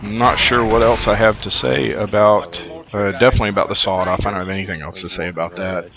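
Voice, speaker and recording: A man's voice: sits low, steady tone, quick pace, a crowd in the background. A man giving rambling, casual commentary over his own multiplayer match, full of fillers. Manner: rambling and conversational, many fillers. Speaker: gaming commentator.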